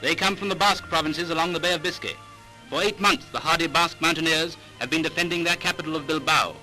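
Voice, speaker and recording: A man's voice: fairly high pitch, fast, pushed and bright, poor audio. A man narrating an old newsreel in a dramatic, declaiming commentary style. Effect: old newsreel soundtrack with music. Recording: old newsreel sound with music behind.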